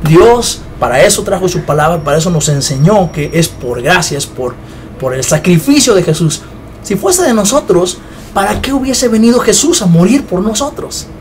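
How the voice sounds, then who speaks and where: A man's voice: high-pitched, animated, moderate pace, a little hiss or hum. A man giving an informal Bible teaching, talking conversationally and often checking in with his listeners. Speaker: preacher.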